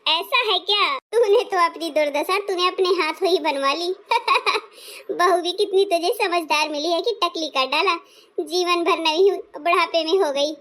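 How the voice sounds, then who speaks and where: A woman's voice: very high-pitched, moderate pace, a bit bright. A woman voicing a nosy, teasing older woman neighbour in a cartoon. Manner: teasing, scolding.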